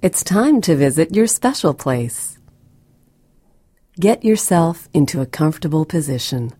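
A woman narrating a guided relaxation for children in a soft, soothing, breathy voice that drops to a near whisper. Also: low voice, expressive, a little slow, no room sound.

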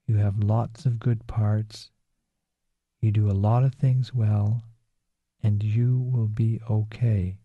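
A man reading a guided relaxation script in a slow, soothing, calm way. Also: on the low side, breathy edge, no room sound. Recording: dull lo-fi recording.

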